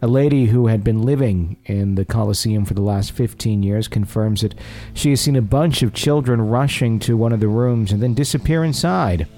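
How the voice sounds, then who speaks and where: Over background music, a podcast host with a mellow, lowish voice speaks at a normal speed. He chats easily and reads listener stories out loud, keeping an agreeable, conversational manner.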